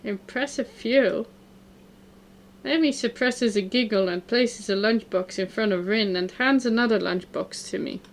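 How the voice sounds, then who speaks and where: Woman reading awkward thoughtful teen boy, inner monologue, visual novel, voice on the high side. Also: unhurried. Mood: reflective. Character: polite, awkward teenage boy narrator.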